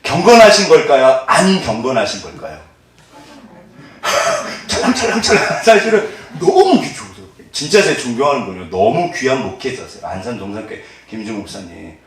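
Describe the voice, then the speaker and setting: A man's voice: medium pitch, moderate pace. A middle-aged man preaching a sermon as pastor, quizzing the congregation and laughing often. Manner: animated, asks the congregation call-and-response questions. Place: church sanctuary. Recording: echoey hall, mic at a distance.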